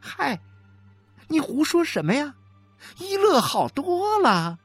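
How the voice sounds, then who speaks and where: A man's voice: huge pitch swings, slow pace, a bit bright, dry recording, heavily acted. A man voicing a practical, scolding wife in an audiobook, in a raised, chiding tone, with faint music behind. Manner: chiding, high-pitched. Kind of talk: audiobook character voice.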